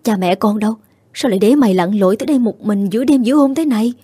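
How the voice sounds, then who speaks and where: A man voicing an older village aunt in a folk horror story, scolding in a shrill, agitated raised voice. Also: rapid-fire, warm tone, slightly rough. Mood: worried.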